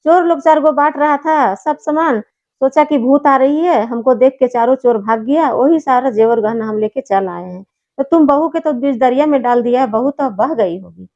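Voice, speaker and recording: A fretful older mother-in-law giving warnings, voiced by a woman telling the tale. The tone is high and anxious, carried on a slightly dull recording. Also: moderate pace, a little mellow. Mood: worried.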